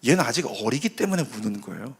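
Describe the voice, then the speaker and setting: A man's voice: medium pitch, big pitch swings, fast, breathy edge. A male pastor preaching a sermon at a church service, leading the congregation in call-and-response repetition.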